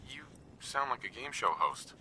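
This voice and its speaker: A man's voice: mid-range voice, sing-song, normal speed, bright, forceful tone. A man voicing a wry male survivor, the player character, with dry remarks in video game dialogue. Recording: game noise behind.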